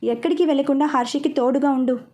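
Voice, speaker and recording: A stern young man who watches over his cousin, giving firm and commanding orders, as a woman storyteller reads his part. The voice sits high, with a mellow, soft tone, in a spoken audio story. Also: fast talker, close to an everyday voice.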